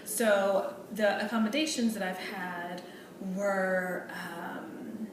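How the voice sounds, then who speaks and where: A woman takes it slowly in a lightly acted, medium-pitched voice with fairly even intonation, cast as an earnest female medical student in a role-play meeting. Politeness and hesitation show in her many fillers and restarts. The audio is noisy, recorded in an echoey room on a distant mic.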